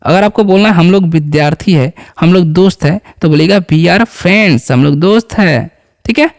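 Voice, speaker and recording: High-voiced man teaching beginner English. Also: brisk, gravelly, a little mellow. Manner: patient, repeats each word and asks the viewer questions. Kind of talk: spoken English lesson for beginners. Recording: long hall reverb.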